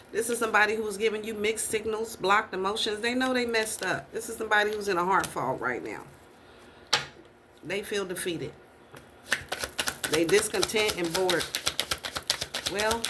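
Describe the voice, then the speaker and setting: A woman's voice: mid-range voice, noisy background. Blunt, profane woman tarot reader. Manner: blunt, profane, repeats rhetorical questions. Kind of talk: casual tarot reading.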